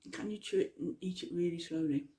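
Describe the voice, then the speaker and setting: A guide leading a mindful eating exercise at home, asking gentle, slow questions and sometimes talking while chewing. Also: medium pitch. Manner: talks while chewing at times. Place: at home with a cat nearby.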